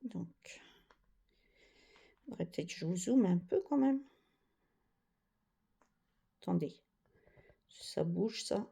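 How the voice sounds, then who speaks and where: Slow, chatty woman crafting vlogger. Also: on the low side, animated, creaky, warm tone. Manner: chatty, rambling with many fillers and self-corrections. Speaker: cross-stitch vlogger. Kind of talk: casual chat.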